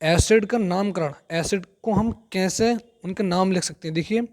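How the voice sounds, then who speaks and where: A man teaching a chemistry lesson, explaining step by step, repeating key terms and reading English textbook lines slowly. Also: sits high, darkish tone. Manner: addresses viewers as friends. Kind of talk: classroom lecture.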